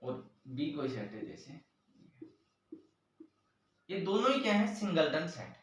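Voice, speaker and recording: A male maths teacher gives a lively classroom lesson, breaking it down step by step and addressing the children again and again. His slightly high voice keeps a measured pace, picked up from off the mic in a very echoey room with slight background noise.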